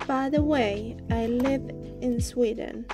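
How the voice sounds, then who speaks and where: A woman with a fairly high voice narrates her vlog in a plain, informal way. Music plays clearly behind her. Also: takes it slowly. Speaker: vlogger. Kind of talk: casual vlog voice-over.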